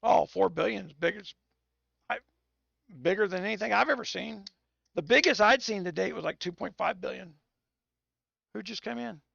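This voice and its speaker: A tipsy, hoarse man rambling and cursing as he hosts a live game stream. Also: sits high, moderate pace, pauses often, fairly bright tone, no echo, muffled recording. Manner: rambling and profane, with many restarts. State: tipsy from whiskey; hoarse, losing his voice. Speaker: game livestreamer.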